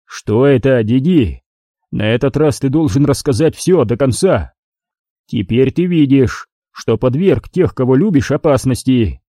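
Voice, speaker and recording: A man reading an audiobook voices a calm, firm Jedi master in close to his own voice. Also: mid-range voice, measured pace, dry recording. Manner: firm, businesslike.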